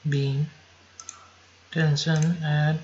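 A man slowly walks through software instructions step by step over a screen recording, correcting himself now and then. His voice is a little high with little pitch movement, and the muffled recording carries a slight hiss or hum.

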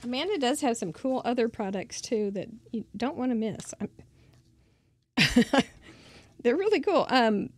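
Chatty self-mocking woman with a gravelly voice. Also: fairly high pitch, a little mellow. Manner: chatty, self-deprecating, laughs at herself. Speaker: craft show host. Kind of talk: casual crafting tutorial.

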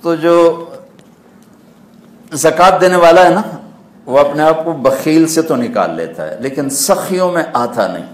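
Man preaching in an echoey hall. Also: fairly high pitch. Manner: rises to loud animated peaks while telling stories. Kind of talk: sermon with storytelling. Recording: echoey hall with faint background noise.

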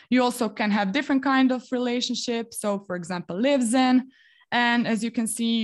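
Young Croatian woman presenting a workshop. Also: fairly low pitch. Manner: friendly, laughs often, explains step by step with fillers. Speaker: developer relations engineer presenting a workshop. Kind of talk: live online technical presentation. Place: home room on a video call. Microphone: video call webcam mic.

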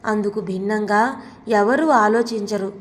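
A woman's voice: mid-range voice, a little slow. Woman storyteller with long reverb. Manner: calm, steady reading. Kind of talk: story narration.

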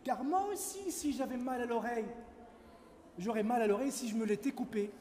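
A man reading a gentle storybook doctor. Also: very high-pitched, brisk, slight background noise. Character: kind old horse doctor, gentle and apologetic. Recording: echoey hall, faint ambience.

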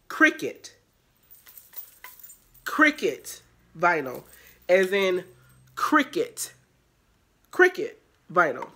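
Woman vlogger, congested and nasal, chatty and filler-heavy, bright tone. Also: fairly low pitch. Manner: rambling, filler-heavy talk. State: congested with allergies. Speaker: haul vlogger. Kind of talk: casual chatty vlog.

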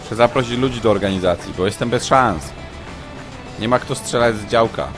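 A man commenting live on his own gameplay, muttering to himself and breaking into shouts and yelps when things go wrong. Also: medium pitch, a little fast, music in the background. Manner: excitable, shouts and yelps when under fire. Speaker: gaming streamer.

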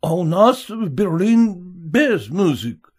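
A polite foreign porter speaks slowly and haltingly, in broken phrases, as a male narrator puts him on. He stays patient and calm, and his voice sits fairly high. This is a storybook reading. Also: slightly rough, heavily acted.

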